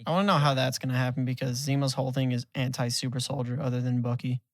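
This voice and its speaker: A young man co-hosting a casual podcast, throwing in quick dry quips. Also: medium pitch, flat delivery, dry recording. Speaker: podcast co-host. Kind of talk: casual group chat.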